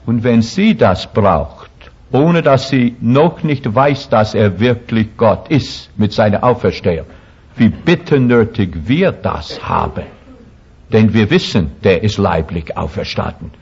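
A man's voice: lowish voice, animated, a little slow, a little mellow, breathy edge, muffled recording. A man preaching a sermon as pastor, talking emphatically and making frequent slips in his grammar.

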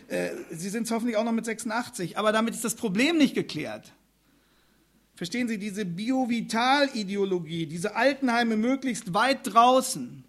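Earnest high-voiced male preacher. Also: animated, normal speed. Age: middle-aged or older. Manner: earnest, addresses listeners directly. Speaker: pastor. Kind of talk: sermon.

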